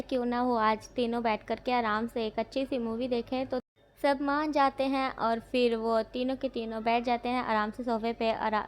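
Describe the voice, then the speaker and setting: Woman storyteller, casual retelling of a fan-fiction romance, slightly high voice, self-corrects often.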